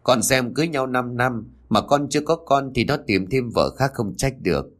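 An old mother-in-law, calm and firm, who talks in a steady, motherly way, as a man reads her part. She is told in a storybook manner with a lively rise and fall. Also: mid-range voice, normal speed. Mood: soothing.

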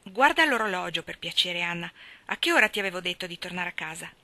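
A woman voicing a stern, no-nonsense older woman who brings up a child, speaking in a brisk, firm, scolding way. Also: fairly low pitch, expressive, sharp tone, dry recording.

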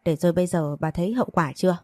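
A furious middle-aged father in an audio story heaps harsh reproach on his family, voiced by a woman reader. The tone is low, mellow and dry. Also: racing, dry recording, natural voice. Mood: angry scolding. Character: angry middle-aged father, shouting and scolding.

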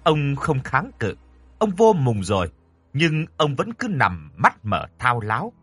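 A male storyteller reads a horror tale with a lively, swinging delivery. His voice is bright and husky, recorded close and completely dry. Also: medium pitch, slow pace, dry recording. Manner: expressive, dramatic. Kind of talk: dramatic horror story narration.

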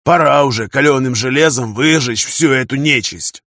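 A man voicing a loud, gruff older male partisan veteran who barks his words and keeps using a folksy catchphrase. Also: medium pitch, normal speed, no room sound, clean studio sound, close to an everyday voice. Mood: gruff pride.

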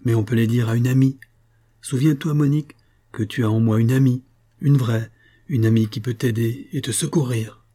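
A man voicing a kind young invalid lady who speaks softly and coaxingly. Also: medium pitch, steady tone, normal speed, lightly acted. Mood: tender. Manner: soft, coaxing.

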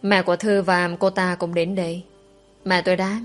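A young woman calmly narrating a first-person story. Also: lowish voice, normal speed. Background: faint background music.

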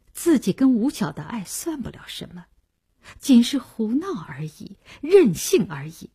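Husky woman reading a novel. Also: mid-range voice, mellow. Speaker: audiobook narrator. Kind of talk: scripted novel narration.

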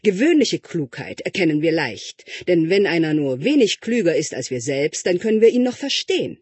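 A man voicing an anxious, fawning royal tutor who flatters and speaks slowly and high. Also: breathy edge, no room sound. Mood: pompous. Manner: obsequious, flattering, high and drawn-out.

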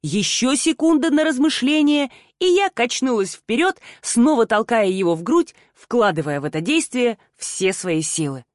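Casting: woman audiobook narrator, medium pitch, steady first-person storytelling, dry close mic. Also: normal speed, few pauses, no room sound.

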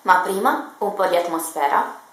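A woman's voice: on the low side, expressive, moderate pace. A woman radio host reading a Christmas tale aloud, narrating it expressively and dramatically as a storyteller. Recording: very echoey room with faint music.

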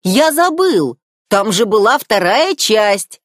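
A woman reading a storybook aloud, voicing a chatty, forgetful male seagull in a loud, excitable voice. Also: medium pitch, takes it slowly, no room sound, studio quality, voice pushed up. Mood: excited.

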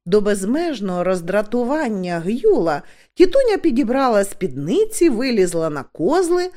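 Audiobook narrator, woman, lively pitch, expressive character reading. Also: normal speed. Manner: expressive, voices each character. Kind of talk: scripted narration of a comic fantasy novel.

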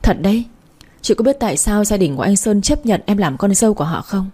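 A woman's voice: mid-range voice, lively intonation, fairly quick, dark tone, breathy edge. A woman voicing a grief-stricken young wife. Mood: flat, weary. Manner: tearful, pleading. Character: grieving young woman who lost pregnancy.

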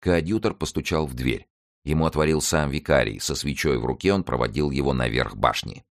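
A man narrating an audiobook in a steady storytelling manner. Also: a bass voice, fairly quick, vocal fry, no echo, studio quality.

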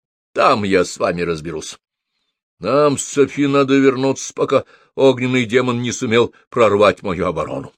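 Cowardly wizard yelling orders, animated n dry, man voicing him. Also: medium pitch, moderate pace, dry recording, natural voice. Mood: urgent. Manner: shouting, commanding. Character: vain, cowardly young male wizard.

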